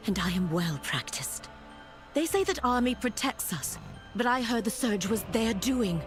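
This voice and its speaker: Haughty female elf mage, fantasy game, lively intonation, wary and formal, music bed. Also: a little high, a little slow. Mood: proud, wary. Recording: music behind.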